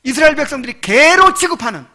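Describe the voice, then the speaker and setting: High-pitched animated male preacher. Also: fast talker. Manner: animated storytelling preacher, acts out quoted voices, chuckles, rising to shouts. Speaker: pastor. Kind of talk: sermon.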